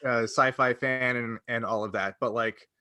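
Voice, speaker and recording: A podcast co-host with a mid-range, steady, bright and forceful voice chats casually at normal speed, with no room sound. He reminisces in a rambling, hesitant way, often interrupting himself and doubling back.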